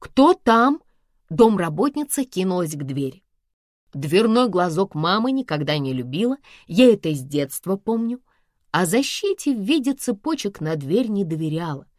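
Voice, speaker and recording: Brief: wry woman audiobook narrator, animated delivery, dry close mic. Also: fairly low pitch, moderate pace, no room sound.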